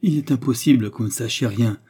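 A man reading an audiobook voices an imprisoned countess who pleads, rages and schemes in shrill outbursts. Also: fast, mellow, husky. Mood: desperate.

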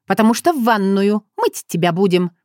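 A woman's voice: medium pitch, very animated, moderate pace, a little mellow, no room sound, close to an everyday voice. Woman as a decisive storybook woman, commanding, matter-of-fact, dry sound. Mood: firm. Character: Tanya, firm decisive young woman.

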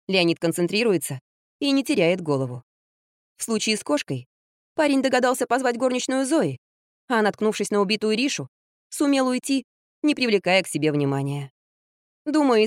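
A woman reading a first-person audiobook with expressive, brisk storytelling. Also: medium pitch, no echo, clean studio sound. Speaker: audiobook narrator.

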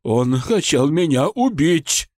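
A man voicing the frightened ghost of an old official in an audiobook, talking in a higher, slow, pleading way. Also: big pitch swings, a little mellow, no echo, studio quality. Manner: pleading, drawn-out, fearful. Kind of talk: audiobook character voice.

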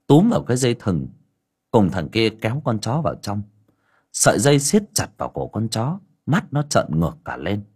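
A male storyteller reads an audiobook in a low, husky voice. His delivery is dramatic and expressive, with a lively rise and fall of pitch. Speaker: audiobook narrator. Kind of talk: storytelling narration.

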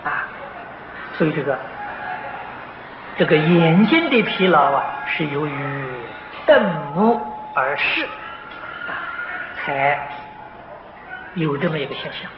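An older man giving a slow, patient lecture on a Buddhist sutra, filling pauses with drawn-out "ah" sounds and clearing his throat now and then. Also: a little high, sing-song. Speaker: Buddhist teacher. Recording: dull, roomy, noisy old tape of a lecture hall.

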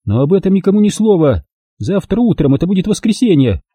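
A man's voice: high-pitched, very animated, fast talker, dark tone, breathy edge, no room sound, pitched above the performer's own voice, heavily acted. A man reading an audiobook, voicing a harsh, scornful middle-aged woman who scolds coarsely.

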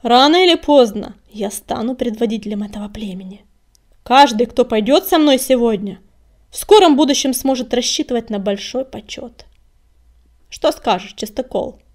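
A woman's voice: fairly high pitch, normal speed, a little mellow, natural voice. Menacing huge tomcat warrior, read by a woman, hissing threats, arrogant and vengeful.

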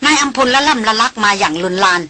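A woman narrating a novel as an audiobook, steady and engaged. Her voice sits a little high and bright, with a husky grain. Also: fast. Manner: steady storytelling.

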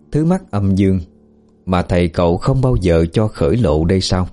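A man narrating a horror story in a slow, grave storytelling manner. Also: sits low, dark tone. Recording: faint background music.

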